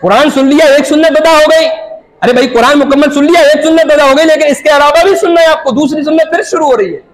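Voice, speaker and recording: High-pitched man preaching an emphatic sermon. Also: fast, slight background noise, poor audio. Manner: emphatic, repeats points for stress. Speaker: Islamic preacher.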